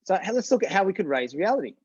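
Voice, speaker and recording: Speaking very fast with large pitch swings, this man's voice is high and slightly rough as he coaches an online business workshop. He's casual and chatty, repeating words, starting sentences over, and speaking straight to his listeners. There's no room sound, and the highs are cut off.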